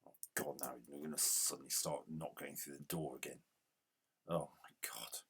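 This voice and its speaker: A man giving casual gameplay commentary as a retro game reviewer, grumbling in exasperation and yelling at the game. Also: a bass voice, level tone, moderate pace, breathy edge.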